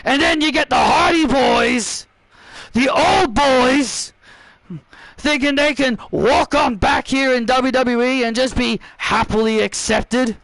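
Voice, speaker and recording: A man voicing a brash male wrestler who shouts boastful trash talk at a crowd in a video game promo. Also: very high voice, slow, gravelly, dry recording, full character voice, rough recording. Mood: taunting.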